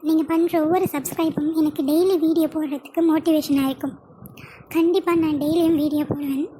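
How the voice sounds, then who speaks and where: A woman's voice: sits high, fairly even intonation, fast, dark tone, slight background noise, poor audio. A woman hosting a video channel, giving a scripted greeting to viewers. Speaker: channel host.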